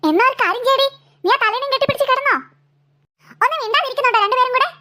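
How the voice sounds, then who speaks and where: A woman's voice: very high-pitched, racing, bright, forceful tone, a little hiss or hum. A woman voicing a weary cartoon mother who keeps scolding her two quarreling daughters, in a nagging, exasperated way. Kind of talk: cartoon voice acting.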